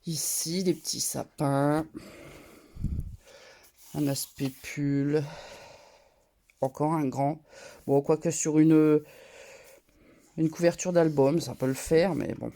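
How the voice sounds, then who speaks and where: Nasal, gravelly woman with a cold. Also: deep voice, steady tone, takes it slowly, long pauses. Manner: talks a bit loud, chatty with fillers. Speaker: scrapbooking vlogger. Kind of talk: casual haul show-and-tell.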